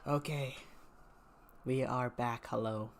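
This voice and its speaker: Gravelly-voiced young man rambling on stream. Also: mid-range voice, fairly even intonation, a little hiss or hum. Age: early 20s. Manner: halting, rambling, self-correcting. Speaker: livestreamer. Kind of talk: casual livestream chat.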